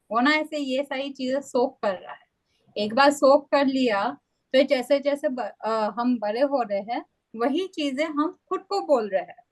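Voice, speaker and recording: Woman counsellor, higher voice, dry sound. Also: no echo, poor audio. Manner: explains with everyday examples, often checks in with "है ना?". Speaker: counsellor leading a workshop. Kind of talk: workshop talk in mixed Hindi and English.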